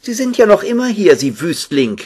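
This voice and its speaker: A man voicing a hostile, scornful shopkeeper's wife with a sharp, shrill tone. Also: sing-song, moderate pace, breathy edge.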